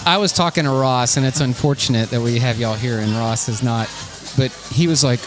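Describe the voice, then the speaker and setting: A man's voice: medium pitch, brisk. A man interviewing a band, enthusiastic and rambling with many fillers. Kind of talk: casual chat. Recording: loud bar with live music and crowd.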